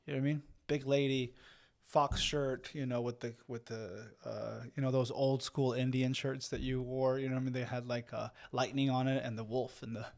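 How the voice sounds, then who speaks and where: A man's voice: medium pitch, little pitch movement, normal speed, vocal fry. A man in his thirties from Mexico, co-hosting a podcast and telling a long personal story with many fillers and restarts. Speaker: podcast co-host. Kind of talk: casual storytelling chat.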